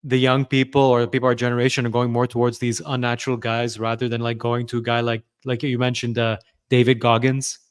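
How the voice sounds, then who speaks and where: Young male podcast host, mid-pitched voice. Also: monotone, brisk, few pauses, clean tone. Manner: conversational, builds points step by step, asks questions. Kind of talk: casual podcast interview.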